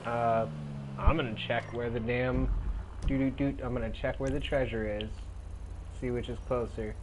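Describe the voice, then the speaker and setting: A young man commentates casually on his game. His pitch sits in the middle, and he rambles in slang with some swearing. Game ambience and vehicle noise are clearly audible behind him. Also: fairly even intonation, normal speed. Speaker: gaming commentator. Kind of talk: casual let's play commentary. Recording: clearly noisy, game engine sounds behind.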